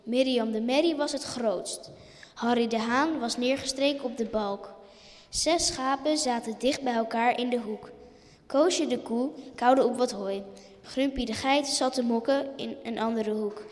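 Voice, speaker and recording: A woman reads a children's storybook aloud, gentle and steady. Her voice sits a little high. A long reverb trails behind her words. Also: measured pace. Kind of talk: reading a children's picture book aloud.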